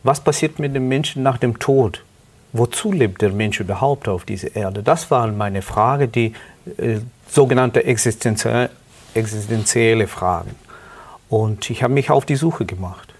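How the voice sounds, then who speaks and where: A middle-aged man from Ukraine with a Ukrainian accent, earnestly telling his life story as a guest in halting German. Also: medium pitch, husky. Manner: earnest, halting non-native German with restarts. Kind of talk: personal testimony interview.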